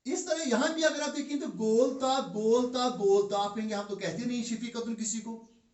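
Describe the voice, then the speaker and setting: A man with a Kashmiri accent teaching Arabic grammar in a classroom lesson, drilling word pairs slowly with fillers. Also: very high voice, a little mellow. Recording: echoey room, from far off.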